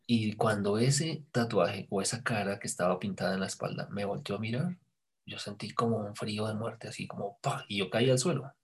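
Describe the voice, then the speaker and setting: A man recounting a past experience in casual conversation, hesitant and searching for words, often dropping to a hushed near-whisper when he quotes his own thoughts. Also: on the low side, fairly even intonation, a little fast, slightly rough. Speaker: storyteller in a conversation. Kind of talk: casual spoken recollection.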